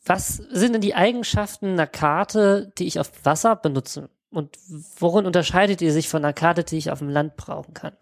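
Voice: mid-range voice, moderate pace, hardly any pauses. Interviewer asking long, searching questions. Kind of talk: casual interview.

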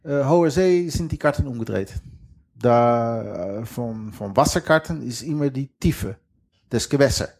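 This is a middle-aged guest in an informal interview, a career sailor from the western Netherlands whose German is plain, grammatically shaky and strongly Dutch-accented. His medium-pitched voice is expressive and slightly mellow, delivered a little slowly.

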